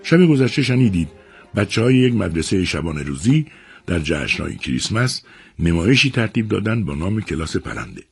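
A man narrating a serialized novel adaptation on a radio book program, with measured, expressive storytelling. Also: low voice, breathy edge.

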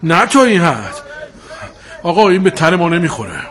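A furious, shouting customer. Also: male voice, high-pitched, very animated, crowd noise. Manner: indignant, shouting accusations. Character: angry customer with a ruined suit. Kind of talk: television drama acting.

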